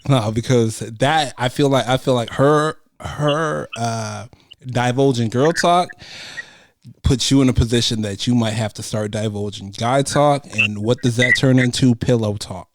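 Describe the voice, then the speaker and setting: A man hosting a casual chat show, talking like a frat bro in slangy bro talk with drawn-out emphasis. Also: mid-range voice.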